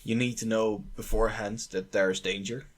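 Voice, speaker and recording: Hesitant husky man on a podcast. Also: lowish voice, fairly even intonation, fairly quick. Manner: hesitant, stumbles and repeats words. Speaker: podcast co-host and player. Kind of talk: casual podcast chat.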